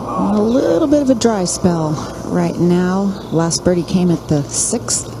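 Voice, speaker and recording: A woman's voice: on the low side, measured pace. A woman working as a golf commentator, giving conversational analysis of the play. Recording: clear outdoor background noise.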